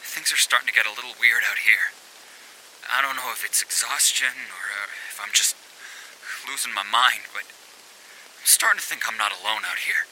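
A man's voice: mid-range voice, lively intonation, normal speed, pushed and bright, a little hiss or hum, rough recording. A man voicing an exhausted lone soldier recording a log, weary and uneasy.

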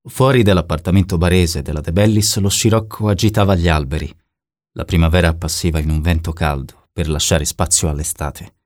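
A man reading a novel aloud as narrator in a steady, measured way. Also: sits low, no echo, clean studio sound. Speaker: audiobook narrator. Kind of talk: scripted narration.

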